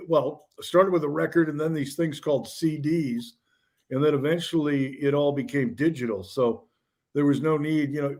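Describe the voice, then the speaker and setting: A man's voice: fairly high pitch, darkish tone. A man who works in radio and media, chatting casually in an interview and telling stories with easy, self-deprecating humor.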